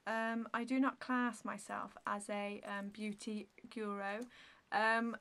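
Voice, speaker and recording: A woman's voice: medium pitch, flat delivery, slow, a bit bright. A woman in her thirties chatting casually to the camera in a Q&A vlog, answering viewer questions in a rambling way, full of ums and likes. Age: 30s. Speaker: beauty vlogger.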